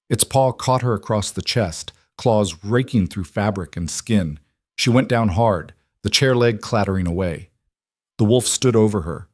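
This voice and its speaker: A man reading a dramatic fantasy story as scripted narration, in a measured, dramatic way. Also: fairly low pitch, a little mellow, dry recording, clean studio sound.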